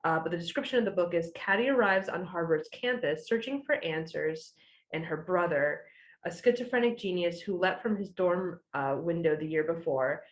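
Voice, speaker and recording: A library staff member, a woman with a fairly low voice, chats casually while reading book descriptions aloud, using many fillers like "like" and "uh." She talks at normal speed, and the recording is rough.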